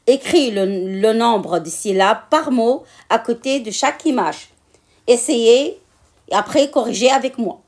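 Patient woman teacher, higher voice, slow deliberate delivery for beginners. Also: animated, a little mellow. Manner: patient, repeats words and syllables aloud. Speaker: French teacher. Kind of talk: slow classroom instruction.

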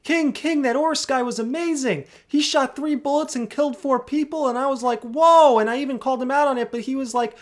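A man's voice: a little high, lively intonation, normal speed. A man voicing a nervous, naive and eager young errand-runner, stammering and gushing as he role-plays through a video game. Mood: excited, gushing. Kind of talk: role-play gameplay commentary in character.

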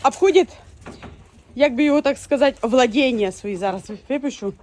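A woman's voice: high-pitched, fairly quick. Chatty woman from Ukraine calling her dogs. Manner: chatty, shouting dog names, laughing. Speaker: dog breeder. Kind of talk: casual vlog commentary. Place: outdoors in a village yard with dogs.

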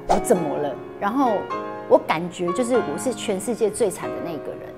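Candid Taiwanese woman recalling hard times. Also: medium pitch. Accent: Taiwanese Mandarin. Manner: candid, self-reproaching, quotes her own thoughts aloud. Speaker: interviewee. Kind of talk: emotional personal recollection.

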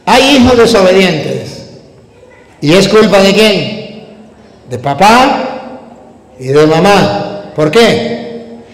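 A priest giving a wedding-mass sermon, emphatic and full of rhetorical questions. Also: male voice, high-pitched, very animated, very slow, pauses often. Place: church during a wedding mass. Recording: echoey church hall.

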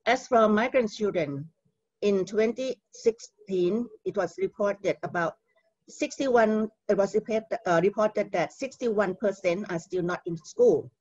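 A woman's voice: medium pitch, darkish tone, dry recording. A middle-aged woman with a Thai accent giving a conference keynote over a video call, speaking carefully with many hesitations. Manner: careful, halting delivery with frequent "uh" fillers. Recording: dull lo-fi video call audio.

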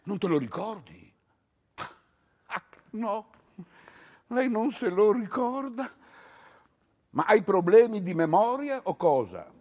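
A man's voice: high voice, sing-song, slow pace, long pauses, darkish tone, exaggerated voice. An actor on a theatre stage playing a confused, stubborn elderly father who talks insistently in bewildered bursts. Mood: worried, irritated. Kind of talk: stage play acting.

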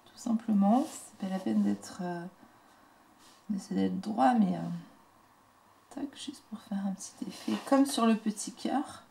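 Soft-spoken woman with a gravelly edge. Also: mid-range voice, measured pace, pauses often, slight background noise. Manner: chatty, soft-spoken, drops into quiet murmurs while working. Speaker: craft tutorial host. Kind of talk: casual step-by-step craft demo.

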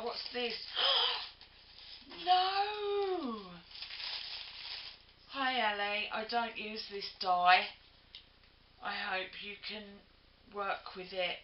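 A woman unboxing a gift on a craft vlog, gushing and effusive, with lots of breathy "oh"s. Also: on the low side, noisy background. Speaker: crafting vlogger. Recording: lo-fi home video, roomy.

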